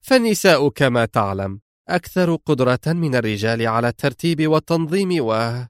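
A man's voice: medium pitch, animated, a little fast, clear, resonant tone, no room sound, clean studio sound, close to an everyday voice. A man voicing a smug, cool woman who works as a criminal operative, in an audiobook reading. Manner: smug, irritated.

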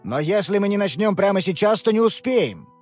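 A woman reading a children's audiobook, voicing a tired, apologetic father in a lowered, subdued tone. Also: very animated, fairly quick, a little mellow, soft background music. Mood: regretful. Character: weary regretful middle-aged father. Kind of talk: audiobook character voice.

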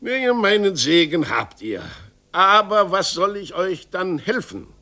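A man voicing a gruff, grumbling old male carpenter in a radio story reading. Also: high-pitched, lively intonation, a little slow, sharp tone, pitched above the performer's own voice, heavily acted. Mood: teasing.

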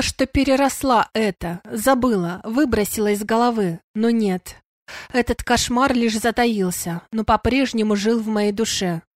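Higher-voiced woman reading an audiobook. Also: dry recording, clean studio sound. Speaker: audiobook narrator. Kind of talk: first-person audiobook narration.

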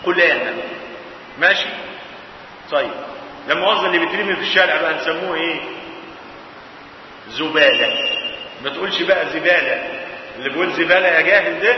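High-voiced Egyptian professor lecturing in echoey hall. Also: male voice. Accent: Egyptian Arabic. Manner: asks rhetorical questions and answers them himself. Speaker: Islamic jurisprudence professor. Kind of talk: colloquial classroom lecture. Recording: echoey hall, far mic, dull, hiss.

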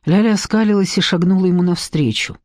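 A woman narrating a crime novel audiobook in a measured, expressive way. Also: lowish voice, dry recording, clean studio sound. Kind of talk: scripted narration.

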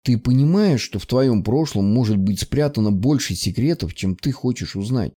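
A man reading an audiobook, voicing a gentle, soothing grown man comforting a friend. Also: mid-range voice, animated, normal speed, natural voice.

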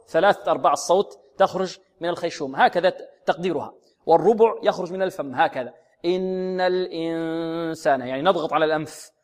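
A man teaching Quran recitation rules, often asking a question and answering it himself, and slowly drawing out the sounds he demonstrates. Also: sits high. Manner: asks and answers his own questions, slow drawn-out demonstrations. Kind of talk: tajweed lesson.

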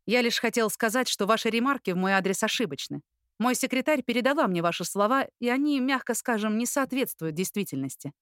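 A woman reading an audiobook, voicing a composed young businessman who speaks in a measured, formal way. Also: fairly high pitch, animated, fairly bright tone, no room sound, studio quality. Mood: reserved.

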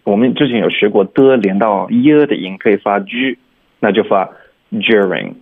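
A man with a lowish, husky voice, heard through a thin, phone-like radio line. He explains word sounds and meanings in a relaxed, unhurried manner, slipping English words in as he teaches. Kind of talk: radio language lesson, explaining pronunciation.

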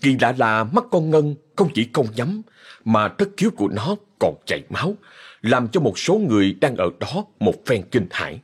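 A man narrating a ghost story in a measured, dramatic storytelling way. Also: medium pitch, very animated, breathy edge.

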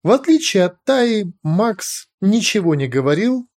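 A man reading fiction as an audiobook narrator, in a dramatic, expressive storytelling manner. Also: high voice, unhurried, dry recording, clean studio sound.

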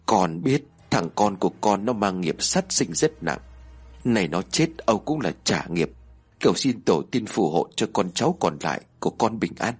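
Grandfather past eighty at prayer, solemn and husky, read by a male narrator. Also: lowish voice, sing-song, normal speed. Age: older. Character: grieving old grandfather praying to ancestors.

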